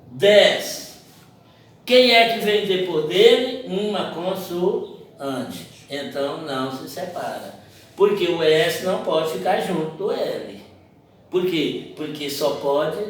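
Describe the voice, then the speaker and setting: A man teaching a grammar lesson, explaining step by step and asking the class rhetorical questions. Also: high-pitched. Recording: very echoey room from far off.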